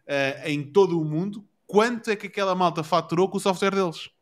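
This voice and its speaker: A man's voice: high voice, a little fast. A man with a European Portuguese accent chatting casually, using plenty of slang and swearing freely. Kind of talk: casual chat.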